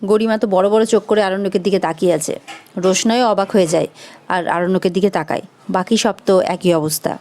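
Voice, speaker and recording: A woman narrating a TV serial episode in lively storytelling, voicing each character. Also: medium pitch, brisk, slight background noise.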